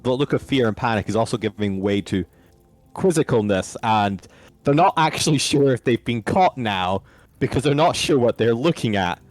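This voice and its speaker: A man's voice: medium pitch, animated, moderate pace, no room sound, soft background music. A man narrating as game master of an online tabletop game, hesitant and full of fillers.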